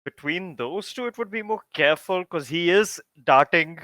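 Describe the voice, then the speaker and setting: A man playing a character in a tabletop game, speaking casually and relaxed. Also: a little high, moderate pace, dry recording. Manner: relaxed, plays his character in quotes. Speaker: player.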